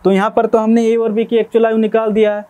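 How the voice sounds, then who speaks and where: A man's voice: high-pitched, completely flat delivery, fast, warm tone. A young man teaching a maths lesson step by step, often checking in with "okay?". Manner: explanatory, repeats "theek hai" to check understanding. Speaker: math teacher.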